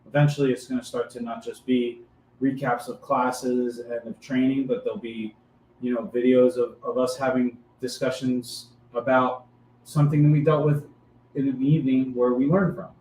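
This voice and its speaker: A man's voice: mid-range voice, level tone, normal speed, a little mellow, far from the mic. Rambling male co-host, echoey room. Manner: rambling, loose and jokey. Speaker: podcast co-host. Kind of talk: casual podcast chat. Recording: echoey room with faint noise.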